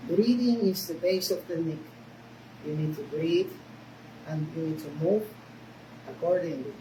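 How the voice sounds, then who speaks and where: In a noisy, echoey room captured by a far-off mic, a female karate instructor gives her class short, broken instructions, often checking with "okay?" She is a native Spanish speaker with a Spanish accent, and her low voice moves at a normal speed.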